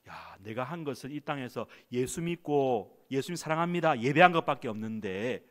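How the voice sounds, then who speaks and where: A man's voice: mid-range voice, expressive, normal speed, lightly acted. A pastor acting out a grateful man in heaven, marveling at its beauty and wondering aloud how to repay grace. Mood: awed wonder.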